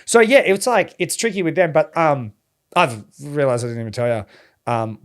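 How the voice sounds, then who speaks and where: A man with an Australian accent, a journalist guest telling a story in casual podcast chat, animated and swearing often. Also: a little high, moderate pace, clean tone.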